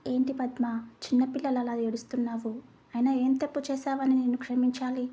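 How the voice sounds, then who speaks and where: A woman voicing a caring middle-aged husband who speaks gently and consolingly in a narrated story. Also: high voice, little pitch movement, brisk, husky. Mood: gentle.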